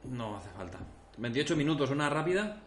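A man's voice: mid-range voice, very animated, fairly quick, a little hiss or hum. A man co-hosting a podcast, giving dry, blunt comebacks in casual banter. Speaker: podcast co-host. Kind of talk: casual banter among friends. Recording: echoey room.

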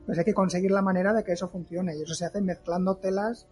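A man talking casually as an interview guest, explaining haltingly and repeating words. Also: sits high, steady tone, warm tone, faint music behind. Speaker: podcast guest, film costume maker.

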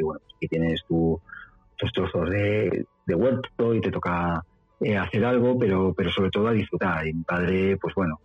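Speaking with a central Spanish accent, a middle-aged man from Madrid who lives in the rural mountains tells his story casually as an interview guest. His voice is low and husky with no echo, captured on dull lo-fi audio with faint music in the background.

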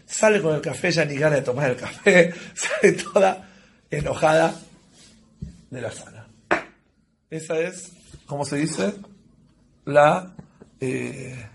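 A man's voice: fairly high pitch, slow, creaky, pauses often, slight background noise. A man with a Rioplatense Spanish accent leading a group lesson, telling little scenes and asking the group questions. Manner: lively storytelling, asks the group questions. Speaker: workshop leader. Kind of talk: group lesson with role-play examples.

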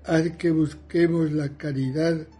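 A man leading recited liturgical morning prayer in a solemn, measured way, as a prayer leader. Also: a little high, steady tone. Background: soft music.

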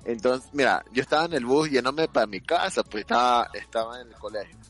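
A young man telling a story to friends in casual chat, animated and slangy, acting out sounds. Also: mid-range voice, fairly quick, faint music behind.

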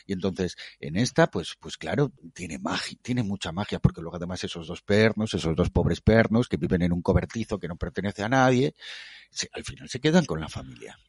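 A man talking casually about a film in a playful, lively way and acting out lines as he goes. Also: deep voice, a little fast, gravelly, breathy edge, no room sound, clean studio sound. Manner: playful, lively, acts out quotes. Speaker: film commentator.

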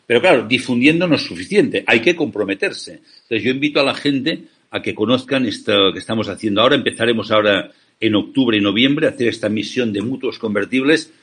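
A man's voice: mid-range voice, lively intonation, a little fast, few pauses, a bit bright, slightly rough. A man from Spain, an ethical banking founder, giving passionate, persuasive interview answers over a remote call, often asking rhetorical questions.

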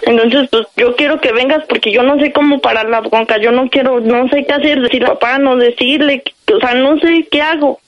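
A woman's voice: sits high, fairly even intonation, fairly quick, few pauses, highs cut off. Urgent Mexican woman on a prank call. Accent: Mexican Spanish. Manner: urgent, rambling storytelling. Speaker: radio prank caller. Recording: radio broadcast with faint music.

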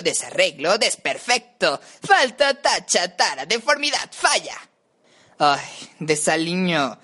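A radio announcing student from Mexico works through lists of synonyms, one word at a time. She reads them slowly and deliberately. Her pitch is lively, rising and falling widely as she changes tone. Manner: slow, deliberate, shifting tone word by word. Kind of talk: reading word lists with varied tones.

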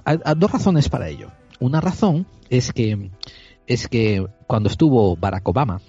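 A man co-hosting a casual Spanish podcast chat, telling stories in a lively way and laughing often. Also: mid-range voice, husky. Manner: animated storyteller, laughs often. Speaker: podcast co-host. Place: abroad, at a Galician club in Astoria. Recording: dull lo-fi audio with faint music.

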